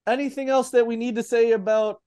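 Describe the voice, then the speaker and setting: A man's voice: very high voice, steady tone, a little fast, darkish tone, clear, resonant tone. A man hosting a casual podcast chat, teasing and joking with his co-hosts. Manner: jokey, teasing. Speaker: podcast host.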